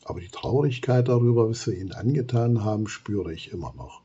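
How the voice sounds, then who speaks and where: A man reading a story, voicing a tearful young female wolf cub who speaks softly, in a husky voice. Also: on the low side, fairly quick, dull audio. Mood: relieved. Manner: soft, sorrowful.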